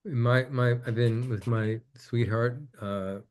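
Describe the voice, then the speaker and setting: A man, a guest on an interview, telling a personal story in a candid, reflective way and growing animated as he quotes his own conversations. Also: medium pitch, slow, clear, resonant tone.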